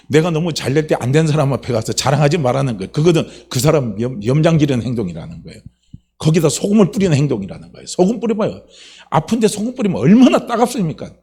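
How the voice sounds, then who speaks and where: A male pastor delivering a Sunday sermon, swinging between hushed low lines and loud emphatic exclamations. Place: church sanctuary.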